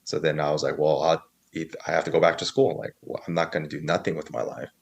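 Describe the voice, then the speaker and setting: A man's voice: rumbling low, flat delivery, fast, creaky, slightly rough. A man in his early thirties, a podcast guest telling his story in a casual, rambling way, full of fillers and quoted dialogue. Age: 30s.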